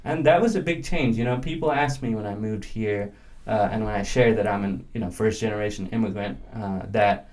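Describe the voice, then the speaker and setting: A man from India in his early thirties, with a low-pitched voice. He speaks as a guest in a casual conversation, working through his thoughts with fillers and restarts. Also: brisk, darkish tone. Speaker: interview guest.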